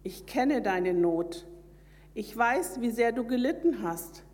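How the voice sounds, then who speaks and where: A woman voicing a calm male angel of God who speaks slowly and tenderly, in a sermon's retelling. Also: on the high side, long reverb tail.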